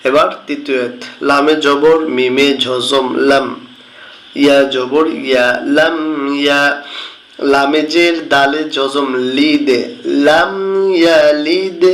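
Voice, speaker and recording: A man's voice: medium pitch, a bit bright. A man teaching Quran reading, spelling each word out letter by letter and drawing out the recitation. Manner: slow, drawn-out spelling and chanted recitation. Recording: echoey room.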